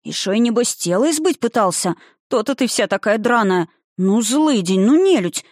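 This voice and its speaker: A woman reading a feisty, sulky young village witch girl with a rustic dialect, voiced higher and indignant. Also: animated, moderate pace, darkish tone, dry recording, studio quality. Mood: outraged.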